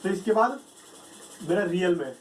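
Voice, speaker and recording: A man's voice: sits high, expressive, normal speed, recorded from a distance, slight background noise, poor audio. A man teaching a math lecture, explaining step by step and asking and answering his own questions.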